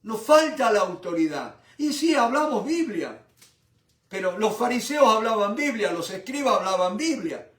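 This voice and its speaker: A man's voice: high voice, sing-song, moderate pace, a bit bright, roomy sound, far from the mic. A man preaching a Bible study sermon with fervor, calling his listeners brothers. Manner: fervent, addresses listeners as brothers.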